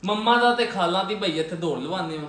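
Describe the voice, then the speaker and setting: A man's voice: sits high, quick pace. A young man with a Pakistani Punjabi accent in casual, teasing family chat. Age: young adult. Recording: echoey room, chatter of others.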